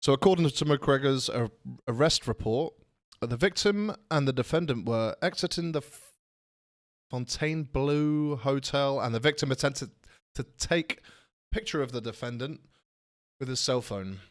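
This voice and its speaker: A man's voice: mid-range voice, moderate pace. A young man co-hosting a casual podcast, cracking dry jokes and sometimes reading a report aloud. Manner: dry wisecracking, lively up-and-down delivery. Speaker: podcast co-host.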